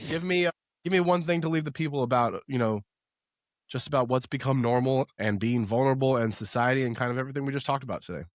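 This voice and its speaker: A man's voice: mid-range voice, fast, no room sound, studio quality. A man hosting a podcast in casual chat, sick and hiccuping, easygoing and joking. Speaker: podcast host.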